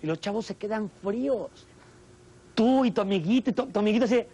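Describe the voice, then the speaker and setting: A man with a Mexican accent doing a slangy, animated stand-up comedy monologue as a TV host, often chuckling as he talks. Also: high-pitched, fairly quick, breathy edge. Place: TV studio with live audience. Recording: TV studio audience laughter, noisy broadcast.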